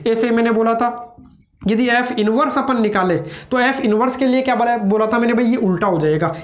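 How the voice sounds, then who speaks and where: A male math tutor teaching a lesson, who keeps asking rhetorical questions and answering them himself. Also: sits high. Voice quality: repeats his own questions with a drawn-out "bhai". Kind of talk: classroom math lecture. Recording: roomy, slightly dull lo-fi sound.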